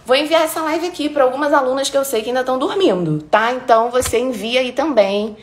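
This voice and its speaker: A woman from Brazil hosting a casual motivational live stream, animated and acting out little quoted voices, still warm and sweaty from dancing. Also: high-pitched, fast talker, a little hiss or hum. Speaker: live-stream host giving advice. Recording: roomy echo.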